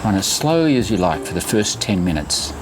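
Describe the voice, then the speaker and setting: A man's voice: low-pitched, very animated, brisk, over music, poor audio. A man in his sixties talking casually to camera as a running vlogger, chatty, instructive and reassuring as he shares tips. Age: 60s.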